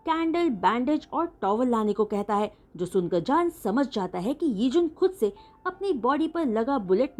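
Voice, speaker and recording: A woman narrates a fan-written romance story with a fairly high voice. Her telling is animated and dramatic, with her pitch rising and falling freely as she builds each moment. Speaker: fanfiction storyteller. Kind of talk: retelling a romance story in Hindi.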